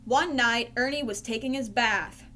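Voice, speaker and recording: A woman reading a children's storybook aloud in a slow, clear storytelling manner. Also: fairly high pitch, bright, forceful tone, a little hiss or hum. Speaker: storybook reader.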